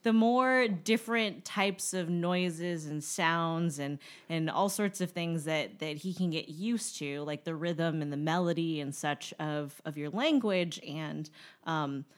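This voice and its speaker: A woman's voice: sits low, slow. A young adult woman co-hosting a podcast in casual chat, talking easily with lots of fillers. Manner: chatty, many fillers, laughs easily. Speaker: podcast co-host.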